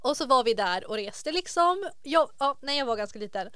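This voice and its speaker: A woman co-hosting a podcast, telling a story in a casual, animated way and acting out the voices in it. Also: high voice, clean tone, no echo, studio quality. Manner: animated, acts out quotes, laughs a lot. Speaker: podcast co-host.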